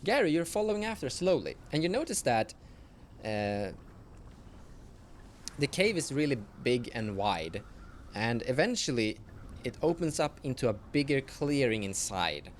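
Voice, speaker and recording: A man narrating as game master of a tabletop horror game, in slow, halting speech with self-corrections. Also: medium pitch, very animated, a little hiss or hum.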